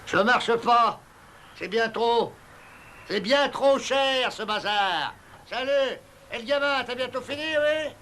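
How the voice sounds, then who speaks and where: High-pitched grumbling junk dealer. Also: male voice, lively intonation, slow, pushed and bright, slight background noise, exaggerated voice. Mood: irritated. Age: middle-aged or older. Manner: bossy, slangy grumbling. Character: gruff, stingy, grumbling older male junk dealer. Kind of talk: dubbed film acting.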